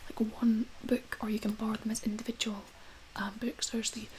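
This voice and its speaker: Female, whispered role-play as librarian: breathy, gentle, flat intonation, slightly high, light background hiss. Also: normal speed. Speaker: ASMR creator playing a librarian recommending books.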